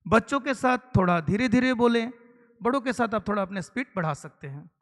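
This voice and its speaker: A man's voice: high-pitched, animated, brisk, fairly bright tone. A man from eastern India training teachers, explaining step by step and asking the audience rhetorical questions. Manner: explanatory, asks rhetorical questions, mixes English terms. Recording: long hall reverb.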